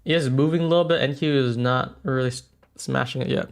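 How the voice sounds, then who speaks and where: A man in his thirties streams himself trading futures live, chatting casually in a fast, gravelly, mid-range voice with fairly even intonation. He stammers, repeats words, and laughs a lot.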